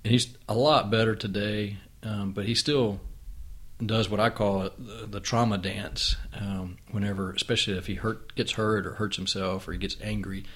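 A man hosting a conversation with his wife, reflective and unhurried, with frequent restarts. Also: on the low side, steady tone, a bit bright, breathy edge. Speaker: podcast host and author.

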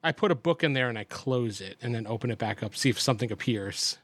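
A man's voice: mid-range voice, expressive, quick pace, a bit bright, no room sound. A man playing in a tabletop game, making short, matter-of-fact remarks. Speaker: player. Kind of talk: casual tabletop game chat.

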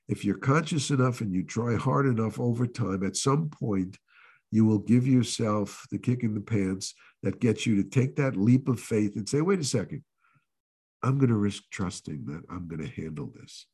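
Host type, man with a stuffy nasal cold voice, husky and lowish, earnest self-help coaching. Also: warm tone. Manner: earnest, coaching, with pauses and restarts. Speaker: podcast host.

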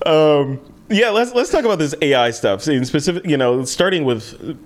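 A man's voice: on the high side, lively intonation, moderate pace. A man hosting a podcast interview, chatty and rambling, often laughing at himself. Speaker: podcast host. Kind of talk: casual interview chat.

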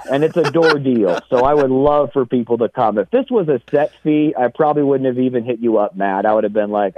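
A man chatting casually as a comedian guest on a radio show, informal and joking, over a phone call. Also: medium pitch. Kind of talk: casual chat. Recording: tinny band-limited phone line.

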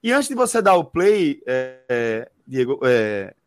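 A man's voice: mid-range voice, big pitch swings, a little slow, no echo, clean studio sound. Hesitant Brazilian man hosting a chat. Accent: Brazilian Portuguese. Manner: hesitant, fills with "é". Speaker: show host. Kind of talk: casual football chat.

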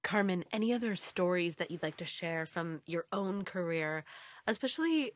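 A woman hosting a podcast, asking interview questions in a clear, steady way. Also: fairly low pitch, moderate pace, no room sound. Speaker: podcast host.

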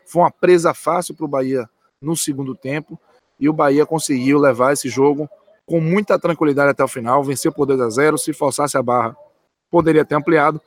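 Man, fairly high voice, emphatic post-match football analysis, repeats points, dry close sound, speaking from stadium stands. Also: fairly even intonation, fairly quick, no room sound. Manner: emphatic, repeats key words.

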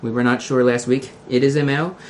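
A man with a Philadelphia accent hosting a casual podcast in a halting, loosely scripted way. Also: medium pitch, fairly even intonation, darkish tone, a little hiss or hum. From Philadelphia area, United States. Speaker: podcast host.

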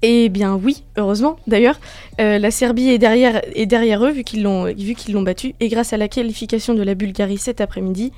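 A woman's voice: medium pitch, fairly even intonation, fairly quick, mellow. A woman giving a semi-scripted sports report on the radio, with casual asides to her colleagues. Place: radio studio.

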